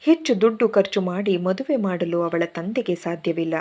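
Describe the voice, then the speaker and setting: Low-voiced woman reading a novel aloud. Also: animated, normal speed, mellow. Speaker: narrator reading a Kannada novel. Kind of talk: audiobook narration with character dialogue.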